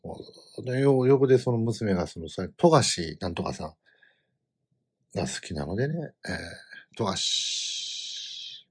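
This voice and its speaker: Husky middle-aged Kansai man telling a story. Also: on the low side, unhurried, long pauses. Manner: animated storytelling, bursts into loud quoted outbursts. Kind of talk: casual chat.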